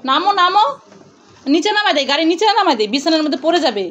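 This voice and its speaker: Family vlogger mom at home: teasing and gentle with her toddler, high voice, lo-fi sound. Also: expressive, quick pace. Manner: playful, coaxing, teasing. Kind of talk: casual family vlog, talking to her child. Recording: lo-fi phone video, faint noise.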